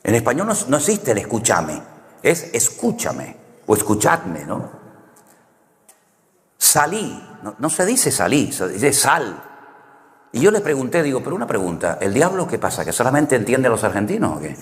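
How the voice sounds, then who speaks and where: A man from the Canary Islands, Spain, delivers a conversational, anecdote-filled sermon, often ending a point with a questioning "no?". His mid-range voice swoops wildly in pitch and moves a little fast, with long hall reverb on the recording.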